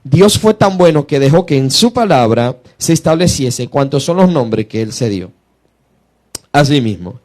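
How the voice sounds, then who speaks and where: A man preaching a teaching sermon, moving from slow, careful explanation to quick, rising bursts of emphasis. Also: mid-range voice, lively intonation, a little mellow.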